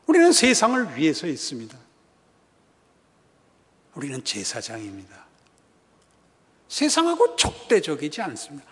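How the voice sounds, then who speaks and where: Male preacher, high lively voice, drops to whispers, long church hall echo. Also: normal speed, long pauses, a little hiss or hum. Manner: dramatic, swinging from loud to whispered. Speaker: pastor. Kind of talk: sermon.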